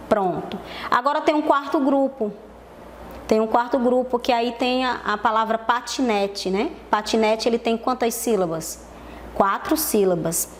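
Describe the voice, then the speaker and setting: A Brazilian woman gives a televised lesson to small children, slowing down and repeating each key word so they can follow. Her voice sits a little high for a woman. A faint hiss runs under the recording. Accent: Brazilian Portuguese. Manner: slow, stretched-out syllables, repeating key words for young pupils. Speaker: primary school teacher.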